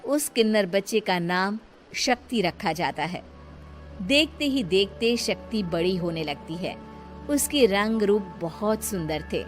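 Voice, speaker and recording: A woman narrates a scripted tale in a mid-pitched voice. She serves as storyteller while music plays clearly behind her. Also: animated, measured pace.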